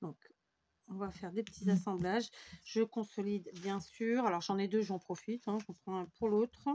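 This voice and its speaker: Working at her craft table, a French scrapbooking host rambles and mocks herself during a tutorial. Her medium-pitched voice has a dark tone, a steady delivery, and a normal speed.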